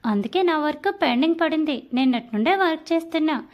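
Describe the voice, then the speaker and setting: A woman's voice: high voice, animated, fast, muffled recording. A woman voicing a playful, affectionate young man who banters with friends and family.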